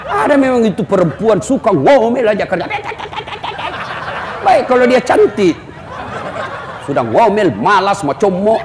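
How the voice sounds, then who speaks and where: A man giving a humorous sermon, animated and shouting out his punchlines. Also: sits high, measured pace, pauses often, crowd noise. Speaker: preacher. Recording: echoey hall with faint background noise.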